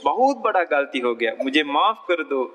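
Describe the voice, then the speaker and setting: A man's voice: fairly high pitch, sing-song, normal speed, a bit bright, long reverb tail, lo-fi sound. A monk voicing a pleading remorseful courtesan woman. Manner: pleading, apologetic. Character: remorseful former courtesan woman begging forgiveness.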